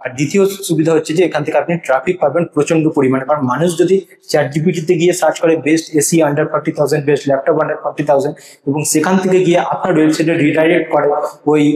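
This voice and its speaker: Fast-talking man with heavy room echo. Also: a little high, a little mellow. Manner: earnest, confident advice-giving. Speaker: blogging and SEO YouTuber. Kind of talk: casual tutorial monologue to camera. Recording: echoey untreated room.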